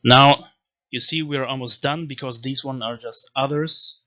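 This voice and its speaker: A man speaks at a medium pitch with fairly even intonation and a pushed, bright quality, recorded with lo-fi sound. He's a language teacher giving a video lecture on an ancient script, slowly spelling out syllables one at a time.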